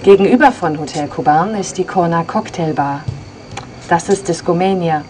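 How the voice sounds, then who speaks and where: A woman's voice: fairly low pitch, moderate pace, a little mellow, slight background noise. A woman pointing out places along a street, plainly listing hotels and their star ratings.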